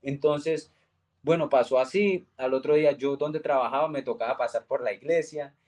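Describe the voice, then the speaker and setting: A man's voice: moderate pace, a little mellow. A young man giving a personal faith testimony, earnestly retelling events and acting out the dialogue. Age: young adult. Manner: earnest storytelling, acts out quoted dialogue with raised pitch. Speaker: guest giving a religious testimony.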